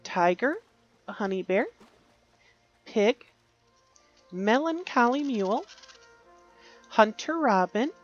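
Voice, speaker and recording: Woman, gaming commentary, unhurried, rambling, self-correcting, faint background music. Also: a little high, lively intonation, dull audio. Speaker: gaming youtuber. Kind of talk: casual gameplay commentary.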